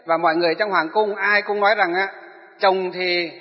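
A high-pitched man tells a Buddhist tale as a sermon. He keeps asking his listeners rhetorical questions and then answers them. The recording is dull and lo-fi, with a long echo from a large hall. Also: fairly even intonation, fast. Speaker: Buddhist preacher. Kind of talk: sermon storytelling. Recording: echoey hall, dull lo-fi sound.

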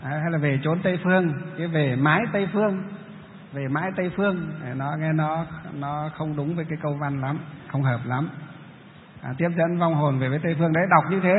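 A Buddhist monk teaches a large hall in a high, talkative voice, explaining patiently and tossing questions to his listeners. His words ring out with a long echo through the room, over a faint background hiss, and the whole recording sounds narrow like a phone line. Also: brisk. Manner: explanatory, chatty, quizzes the audience. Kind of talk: dharma talk to a hall audience.

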